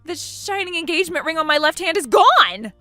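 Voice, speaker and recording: A woman's voice: fairly high pitch, very animated, moderate pace, fairly bright tone, no room sound, soft background music. A smug, mocking younger sister, played by a woman. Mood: panicked. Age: 20s. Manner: mocking, laughs at others. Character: smug, spiteful younger sister in her twenties. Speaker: character in a voiced text story. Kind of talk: voice acting for a text-message story.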